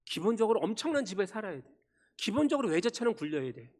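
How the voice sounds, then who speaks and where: A male pastor preaching a Sunday sermon, firing rhetorical questions at the congregation and swinging between loud emphasis and quiet asides. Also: high-pitched, very animated, fast. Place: church sanctuary. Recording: long church reverb.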